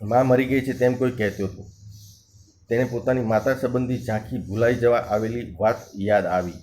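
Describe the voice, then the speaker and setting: A male teacher reads a textbook story aloud in a mid-range, slightly mellow voice, fairly even in intonation and moderately paced. After each passage he restates it and explains the harder words. He acts out the dialogue lines in a shifted voice.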